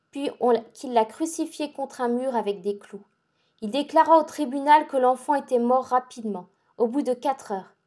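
Woman reading feverish young girl, breathless and intense, highish mellow voice, audiobook. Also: natural voice.

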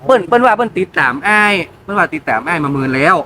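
A man's voice: sits high, expressive, very fast. A man with a Northern Thai accent chatting casually as he relays what someone else said. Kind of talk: casual chat. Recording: loud music over the voice.

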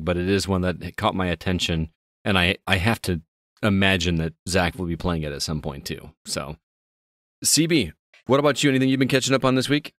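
A man's voice: low voice, a bit bright, no room sound, clean studio sound. A man hosting a gaming podcast, chatting casually and upbeat, laughing easily. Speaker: podcast host.

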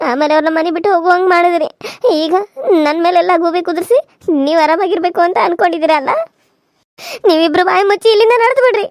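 A woman with a very high, thin voice voices the characters of a village cartoon serial. She wails, pleads and scolds in turn. The recording is close and dry, with no room sound around her. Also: dry recording. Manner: wailing, pleading and scolding in turns.

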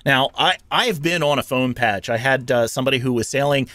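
This is a man with an average-pitched voice who hosts a talk show and explains things at a conversational pace. He talks loosely, with fillers and restarts. The recording is close and dry. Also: brisk, bright, forceful tone, dry recording. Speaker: podcast host.

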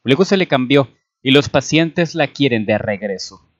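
A man's voice: mid-range voice, lively intonation, normal speed, no echo, voice pushed up, lightly acted. A man reading aloud and voicing a nervous army doctor who speaks hesitantly and fearfully to his superior. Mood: timid. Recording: dull lo-fi recording.

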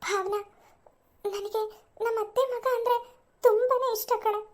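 Someone doing a squeaky tearful lovesick girl, cartoon serial. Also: steady tone, measured pace. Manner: earnest, tearful pleading. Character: lovesick young woman pining for her cousin.

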